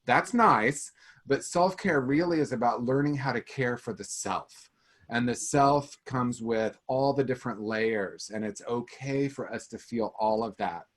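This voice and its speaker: Casting: man, mid-pitched, webinar panelist, earnest and reassuring. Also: a little slow. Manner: earnest, gently encouraging.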